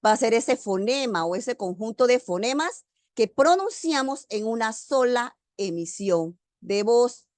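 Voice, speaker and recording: A woman teacher giving an online grammar lecture, speaking slowly and deliberately and stressing key words. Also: on the high side, lively intonation, a little mellow, no echo. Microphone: video call.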